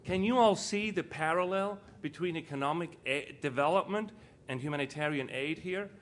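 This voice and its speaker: A middle-aged man from Switzerland, an entrepreneur who co-founded a foundation, addresses a live conference panel indoors. His voice is on the high side at a moderate pace, and his informal speech is earnest, emphatic, and full of rhetorical questions and repetition. Background noise from the event room is clear.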